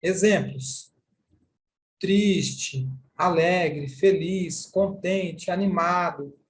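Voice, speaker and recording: A man with a Brazilian Portuguese accent teaching a sign language class, explaining deliberately with repeated examples. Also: high-pitched.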